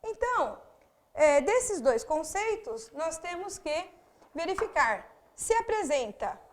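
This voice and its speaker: A woman teacher with a Brazilian Portuguese accent, lecturing on grammar. Her voice sits high and swings widely up and down. She draws out example words slowly to stress each syllable and corrects her own small slips as she goes. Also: big pitch swings.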